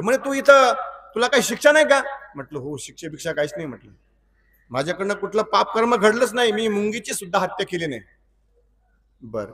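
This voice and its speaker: High-voiced preacher telling a story. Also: male voice, fairly bright tone, distant mic. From Maharashtra, India. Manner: asks the audience rhetorical questions and repeats lines; acts out dialogue between characters in the story. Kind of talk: storytelling sermon.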